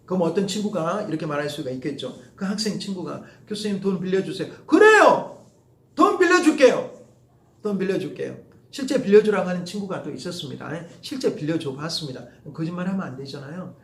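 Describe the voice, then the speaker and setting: A middle-aged man with a Jeolla Korean accent, a professor giving a lively lecture to students, repeating phrases and swinging from soft to loud. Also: on the high side, fast talker, gravelly, roomy sound.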